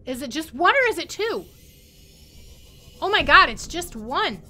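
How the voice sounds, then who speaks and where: A woman playing a video game and commenting excitedly, talking to the creatures she meets. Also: sits high, measured pace, slight background noise. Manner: excitable, exclaiming, talks to creatures. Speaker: gameplay streamer. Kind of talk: let's play commentary.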